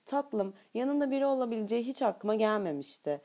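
Woman reading a chatty, cheerful mother. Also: moderate pace. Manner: excited, lifted pitch. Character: cheerful middle-aged mother, chatty and bright.

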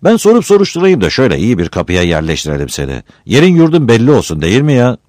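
A man's voice: mid-range voice, huge pitch swings, fast talker, a little mellow, dry recording, clean studio sound, voice pushed up. A man voicing a pompous village headman giving orders to a young man. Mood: bossy. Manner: bossy, commanding. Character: pompous middle-aged male village headman.

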